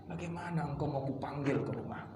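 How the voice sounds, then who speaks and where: A man preaching a sermon to a congregation in a mosque hall, talking in a lively, conversational way and acting out little dialogues as he goes. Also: fairly high pitch, brisk. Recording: echoey hall with background noise.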